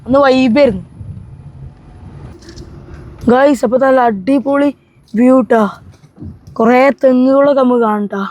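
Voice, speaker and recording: A woman's voice: high-pitched, measured pace, pauses often, a little mellow, a little hiss or hum. A woman with a Kerala Malayali accent chatting casually to viewers as a travel vlogger, mixing English words into her Malayalam and enthusiastically repeating pet phrases. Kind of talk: casual vlog chat to viewers.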